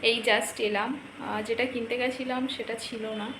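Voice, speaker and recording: A woman's voice: a little high, flat delivery, normal speed, noisy background. A young woman, chatting casually and rambling through her day in a home vlog, full of fillers. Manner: talks softly while others sleep. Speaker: vlogger. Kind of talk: casual daily-life vlog chat.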